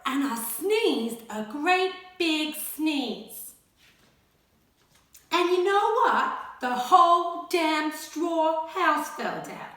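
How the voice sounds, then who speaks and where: Storybook wolf, played by a woman: self-justifying, mock-innocent, high and swooping, unhurried delivery. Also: expressive, pushed and bright, heavily acted. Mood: chatty, self-justifying. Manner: folksy, mock-innocent, confiding. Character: chatty, self-justifying male wolf telling his side. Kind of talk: animated storybook read-aloud for children. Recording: echoey, reverberant room.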